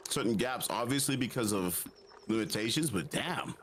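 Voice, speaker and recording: A man in casual stream chat, his pitch swinging widely as he teases his friend with joking threats. A faint hiss sits beneath his voice. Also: lively intonation, normal speed, a bit bright. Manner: playful teasing, mock threats.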